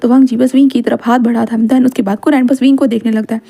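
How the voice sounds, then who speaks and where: A woman narrating a romance fan fiction story in a lively way, acting out every character. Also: on the high side, quick pace, gravelly.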